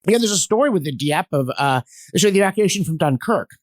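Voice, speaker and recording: A man with a high-sitting voice and lively intonation talks fast, telling history as a guest commentator in a podcast discussion. He's earnest and emphatic, wandering into digressions and acting out quotes in animated storytelling. The studio sound is clean with no echo.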